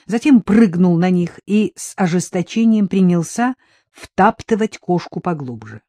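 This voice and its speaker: A woman reading a story aloud in a steady storytelling manner. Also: on the low side, unhurried, no echo, clean studio sound. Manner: steady storytelling, voices the characters. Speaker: audiobook reader. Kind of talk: scripted narration.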